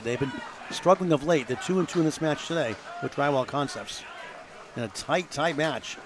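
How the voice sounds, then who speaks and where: A man's voice: fairly high pitch, noisy background. A man commentating live on bowling, chatting through scores, schedules and playoff standings. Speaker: color commentator.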